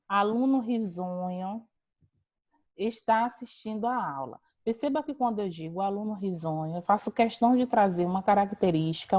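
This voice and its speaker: A woman's voice: medium pitch, warm tone, no room sound, highs cut off. A young adult woman, teaching a grammar lesson over a video call and addressing her students directly.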